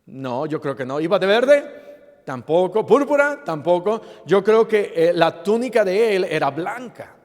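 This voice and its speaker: A man preaching a sermon as pastor to his congregation, asking them playful rhetorical questions and often pausing with fillers and restarts. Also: high-pitched, lively intonation, a little mellow. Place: church sanctuary. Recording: long reverb of a church hall.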